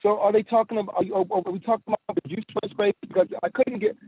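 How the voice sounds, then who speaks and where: A man calling into a meeting over a choppy phone connection that keeps breaking up, halting and repeating words as he checks whether he is heard. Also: high voice, steady tone, slight background noise. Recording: tinny phone line breaking up.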